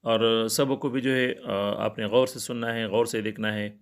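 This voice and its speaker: A man's voice: lowish voice, steady tone, smooth. A man teaching Quran recitation, explaining common mistakes plainly and repeating himself. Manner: plain, explanatory and repetitive, with filler pauses.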